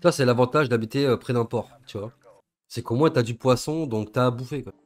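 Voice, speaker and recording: A young man from southern France giving casual, slangy reaction commentary with excitable, laughing asides. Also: mid-range voice, a little fast, faint music behind. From southern France, Gard area. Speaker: reaction video host.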